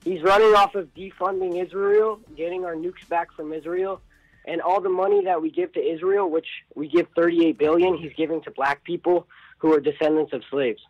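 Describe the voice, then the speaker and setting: A man's voice: on the high side, lively intonation, moderate pace, dry recording, phone-quality sound, faint music behind. A man calling in to a radio show by phone, giving casual, blunt and emphatic opinions. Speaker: phone-in caller. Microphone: phone call.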